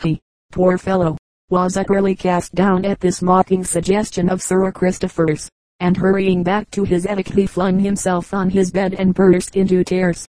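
A woman reading a storybook aloud in a steady, even narrating manner. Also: fairly low pitch, moderate pace, dry recording, poor audio. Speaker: audiobook reader.

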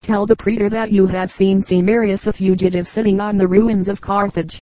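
Defiant old general voiced by a female narrator; stern, slow, flat delivery. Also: mid-range voice, no echo, natural voice. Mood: bitter.

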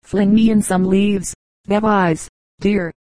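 A woman reading the part of a cheerful talking brook in a storybook, gentle and fond, with an even, mellow voice. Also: mid-range voice, slow, dry recording, close to an everyday voice, rough recording. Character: cheerful chattering brook, endlessly happy.

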